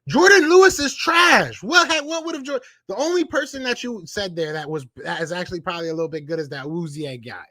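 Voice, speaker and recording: Speaking fast with hardly any pauses, a Philadelphia-accented man with a rather high voice hosts a live sports podcast. He reads out chat comments and trash-talks casually and animatedly, with no room sound in the recording.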